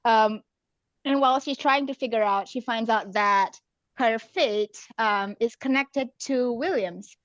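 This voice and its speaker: A woman from Singapore, an author, chatting casually about her story, hesitant with many pauses and laughs. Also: a little high, dry recording. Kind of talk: casual chat. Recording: dull dry lo-fi sound.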